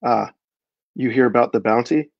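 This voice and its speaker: A man's voice: mid-range voice, moderate pace, vocal fry, no room sound, muffled recording. A man voicing a weary, grumbling tavern local.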